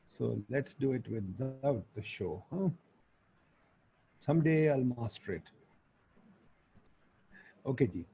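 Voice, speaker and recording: A man's voice: mid-range voice, vocal fry, warm tone, a little hiss or hum, rough recording. A man with a Pakistani accent hosting an online webinar in an informal, blunt way, with Urdu asides. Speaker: webinar host and moderator. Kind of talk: informal spoken webinar introduction.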